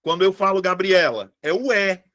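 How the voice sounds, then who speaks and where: A man's voice: high-pitched, moderate pace, fairly bright tone. Chatty man teaching live online. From Brazil. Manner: chatty, asks students constant checking questions. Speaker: Portuguese teacher for civil service exam prep.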